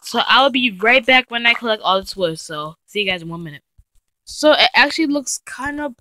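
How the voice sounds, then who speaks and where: A woman giving casual, chatty gameplay commentary, talking straight to her viewers and getting excitable and easily frightened as she plays. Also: fairly high pitch, fairly quick, slight background noise. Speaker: let's play gamer.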